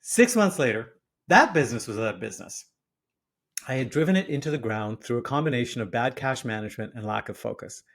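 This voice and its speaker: A man in his fifties narrates a scripted personal essay for his podcast. His mid-pitched voice is wry and self-deprecating as he tells the story. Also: animated, fairly quick, a bit bright. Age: 50s. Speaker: podcast host.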